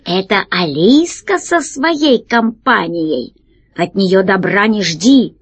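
A woman's voice: medium pitch, lively intonation, slow pace, slightly rough, dry recording. A woman voicing a wary, scheming male rat pirate captain in a storybook reading, curt and raised above her narration. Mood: grumbling, wary. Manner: curt, grumbling, louder than the narration.

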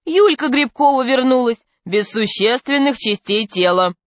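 A woman reading a storybook, voicing a loud, mocking schoolboy joker who shouts his jokes. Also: fairly high pitch, expressive, unhurried, dry recording, pitched above the performer's own voice. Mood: loud teasing.

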